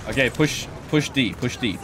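A man co-hosting a gaming video, excitably bantering and swearing through a shooter match on a headset. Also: mid-range voice, normal speed, faint music behind. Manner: excitable, swearing, self-mocking. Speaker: gaming channel co-host. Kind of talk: casual gameplay banter. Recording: game gunfire noise behind voice.

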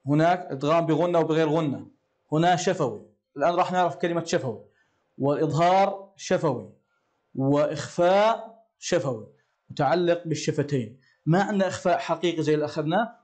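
High-voiced teacher quizzing his class. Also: a little mellow. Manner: asks the class questions and answers them himself; slows down to chant Quran verses. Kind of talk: classroom lesson.

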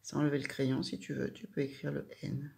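A woman's voice: sits low, completely flat delivery, brisk, vocal fry, warm tone. A woman teaching a child handwriting, giving patient step-by-step instructions.

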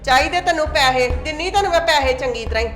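A woman playing a sharp-tongued scolding mother. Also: high voice, lightly acted. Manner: scolding, rapid. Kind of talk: home-made family skit acting. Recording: echoey room, faint music.

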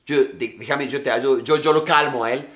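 A man acting out a soft-spoken, reassuring good cop in an interrogation, speaking. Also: medium pitch, fairly even intonation, a little fast, lightly acted. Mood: coaxing. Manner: hushed, confiding, reassuring.

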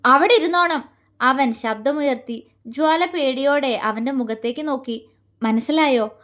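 A woman storyteller giving a steady, scripted narration of a romance audio series. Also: high voice.

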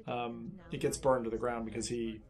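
A middle-aged man with a creaky voice, casually explaining things in conversation as a streamer hosting a gaming chat. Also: mid-range voice, little pitch movement, moderate pace, a little mellow. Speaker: streamer and host. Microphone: binaural recorder, seated in headset.

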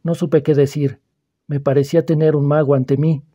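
A man narrating a literary audiobook at a measured, reflective pace. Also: a little high, flat delivery, mellow, husky.

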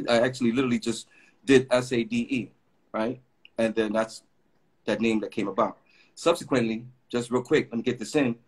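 Here the Puerto Rican graffiti artist, a middle-aged man, is the guest in an easygoing storytelling interview over a video call webcam. He speaks at a moderate pace with a steady, medium-pitched voice that has a breathy edge, rambling through long tales full of fillers.

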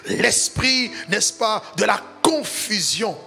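A man's voice: sits high, expressive, takes it slowly, vocal fry, bright, forceful tone, faint music behind. A man pastor preaching a sermon in a sing-song cadence, climbing to emphatic peaks.

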